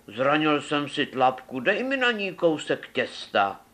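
A man's voice: mid-range voice, animated, pushed and bright. A man playing a sly wheedling wolf. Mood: pleading. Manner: slow, wheedling. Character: sly big male wolf, wheedling and deceitful.

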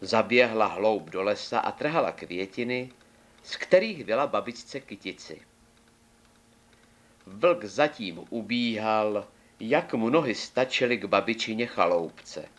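A man reading a fairy tale aloud in a measured, deliberate way. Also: on the low side, lively intonation, fairly bright tone. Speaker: storyteller.

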